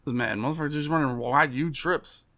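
Here the streamer's voice sits fairly high, bright and forceful, delivered at a brisk clip in a dry recording. The American man, in his thirties, swears and complains in frustration while commentating live gameplay in a small indoor room with monitors.

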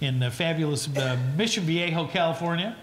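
A man's voice: a little high, expressive, a little fast, fairly bright tone, echoey room, a little hiss or hum. A man co-hosting a morning TV show, teasing his guest as he hosts a live interview before an audience. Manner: jokey, teasing.

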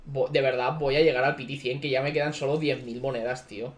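A man's voice: medium pitch, steady tone, fast. A man with a Spain Spanish accent, ranting and swearing repetitively as he reacts to game summons. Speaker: gaming streamer. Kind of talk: gacha summon reaction commentary.

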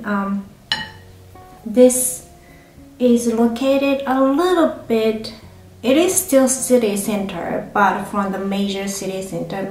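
In an echoey small room with faint music, a chatty food vlogger gives a slow, casual review to camera. Her voice sits mid-range, and she relaxes into many fillers and restarts.

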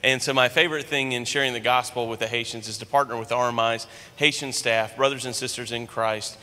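A man's voice: medium pitch, fairly even intonation, fairly quick, bright, forceful tone. A man, a student minister, speaking eagerly to the congregation from a church stage. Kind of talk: church announcement. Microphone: handheld mic. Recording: long reverb of a large church.

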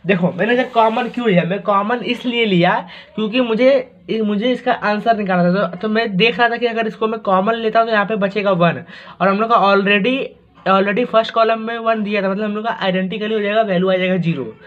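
Over tinny, phone-like audio, a man with a high, fairly bright voice talks a little fast with fairly even intonation. He's teaching math at a board, chatting through each step, repeating words and tossing rhetorical questions at the class.

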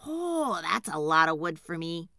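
A woman voicing a poor, tired adult male woodcutter in a children's storybook, speaking loudly and earnestly. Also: medium pitch, sing-song, unhurried, no echo, clean studio sound. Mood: pleased.

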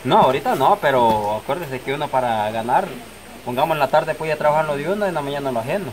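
A middle-aged man plays a friendly, persuasive countryman in an amateur family drama with improvised dialogue, rambling and repeating himself in a lightly acted style. His voice is fairly high-pitched and quick, with lively intonation. It was recorded outdoors in a rural yard under trees by a camera a few metres away, with clear background noise including crowd sounds.

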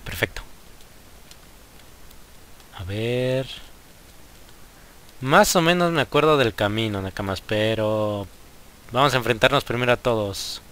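A man's voice: medium pitch, measured pace, pauses often, clear, resonant tone. A young man with a Mexican accent giving casual let's play commentary, talking to his viewers and exclaiming at the game. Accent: Mexican Spanish. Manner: excitable, frequent exclamations at the game. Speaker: gaming youtuber.

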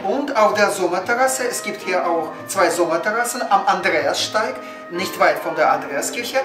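Man, Ukrainian accent, halting tour-guide talk, roomy dining room, music playing behind. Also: high-pitched, lively intonation. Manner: hesitant, many fillers and self-corrections. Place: indoor restaurant rooms. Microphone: camera mic from a few steps away.

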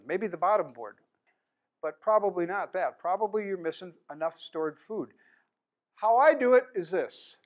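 In a classroom conference talk, a high-voiced American man in his sixties speaks plainly about beekeeping, questioning the audience as he goes.

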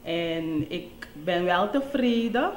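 A woman's voice: fairly low pitch, animated, slow pace. An actress playing a polite, supportive female school principal who speaks formally. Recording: echoey room with faint noise.

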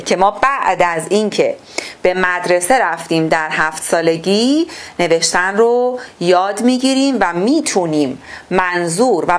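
Woman teacher explaining a lesson. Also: lowish voice. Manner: reads the text slowly, then explains to the children; asks the class questions and answers them herself. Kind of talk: online sixth-grade literature lesson.

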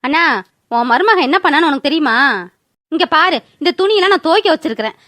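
Scheming younger sister, cartoon, shrill and argumentative, very high and fast. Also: female voice, lively intonation, fairly bright tone, no room sound. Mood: defensive. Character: defensive scheming younger sister, quarrelsome wife. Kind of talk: cartoon voice acting.

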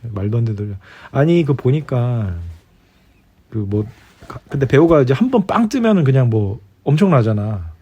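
A middle-aged man with a husky, warm, medium-pitched voice talks at a normal pace and sounds very animated. He rambles easily like a podcast host winding down for the night, in a casual bedtime chat with his spouse. The audio is a dull, lo-fi home recording.

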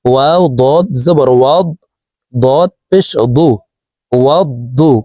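Male recitation teacher, slightly high voice, dry close mic, spells letters aloud for viewers. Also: normal speed, a little mellow, no room sound. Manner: addresses viewers as dear viewers, spells letters and vowel marks aloud. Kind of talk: spelling-out tajweed lesson with slow chanted recitation.

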